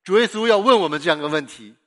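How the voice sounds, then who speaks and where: A man preaching a sermon, swinging between loud, emphatic lines and hushed ones, asking the listeners repeated questions. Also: high-pitched, animated, racing. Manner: repetitive rhetorical questions to the listeners. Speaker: pastor.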